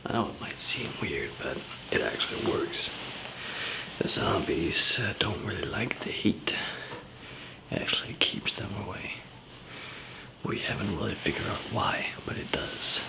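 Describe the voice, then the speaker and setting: Playing a survivor camp member passing out supplies, a man does an ASMR roleplay in a low, half-whispered voice with heavy, crackly vocal fry and gravel. He explains things hesitantly and gently, unhurried yet with lively intonation, mixing soft whispers with a low murmur.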